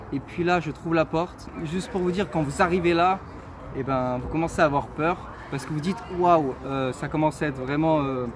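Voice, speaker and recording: A man in his twenties from France, telling a personal faith story in an earnest, halting way with many fillers. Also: on the high side. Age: 20s. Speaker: testimony speaker. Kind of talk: casual personal testimony. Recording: clear street noise behind.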